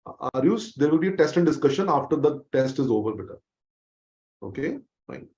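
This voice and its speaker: A man's voice: a little high, lively intonation, fairly quick, dark tone, highs cut off. A man with an Indian accent teaching a medical revision class, emphatically repeating key facts. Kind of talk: exam revision lecture.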